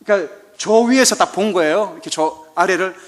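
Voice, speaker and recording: A man's voice: sits high, a little fast. A man preaching a sermon as a missionary, telling a story and acting out church members' chatter with humor. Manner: humorous, asks the audience "그죠?". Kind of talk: sermon at an evening church service. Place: church sanctuary.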